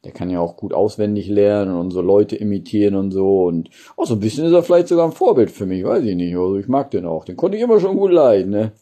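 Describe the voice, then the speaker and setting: A man in his forties talks off the cuff into a phone held at arm's length in a room. His voice is very dark and mellow, and he often ends phrases with a colloquial questioning tag. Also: lowish voice, expressive, fast talker, hardly any pauses, highs cut off. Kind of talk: casual rambling chat to camera. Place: small indoor room.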